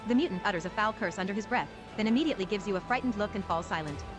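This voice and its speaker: A woman's voice: medium pitch, rapid-fire, over music. A woman reading dramatic scripted narration as the narrator of a fantasy game.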